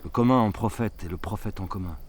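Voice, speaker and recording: An actor playing a grandiose, disillusioned master on a futile quest, in weary theatrical declamation. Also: male voice, fairly low pitch, fast, background noise, natural voice. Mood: bitter, grand. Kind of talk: theatrical stage dialogue in French. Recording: music clearly behind the voice.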